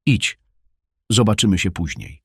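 A man's voice: expressive, unhurried, husky, dry recording, studio quality, exaggerated voice. A man voicing a friendly, talkative male fruit seller at a market who sometimes drops to a whisper. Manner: warm, chatty, sometimes lowers to a whisper.

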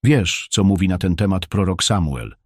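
Brief: man doing a tired, calm grown son muttering, low dry voice, storybook reading. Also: moderate pace, dry recording. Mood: weary.

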